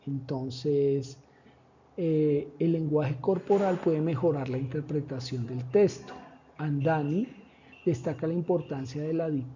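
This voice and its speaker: A man presenting a lesson plan in a measured, explanatory way, with pauses and fillers. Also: fairly high pitch, dark tone, slight background noise. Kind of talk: slide presentation. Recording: dull lo-fi recording.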